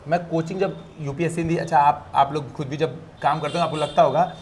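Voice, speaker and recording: A man's voice: fairly high pitch, fairly even intonation, quick pace, a little mellow, slight background noise. A man, a coaching teacher hosting the talk, giving study advice in a casual conversation and repeating his key points. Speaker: exam coaching teacher and host.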